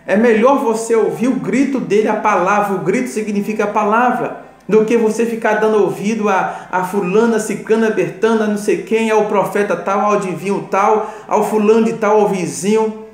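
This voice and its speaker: A man's voice: sits high, normal speed. A man preaching a sermon, emphatic and repetitive, speaking straight to the listener. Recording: roomy echo with faint music.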